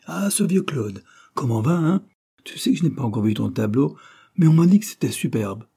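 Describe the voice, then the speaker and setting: A man's voice: mid-range voice, animated, moderate pace, creaky, warm tone, husky, voice pushed up. A man voicing a boastful, successful male journalist with a big voice, talking in an effusive, familiar way. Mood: jovial.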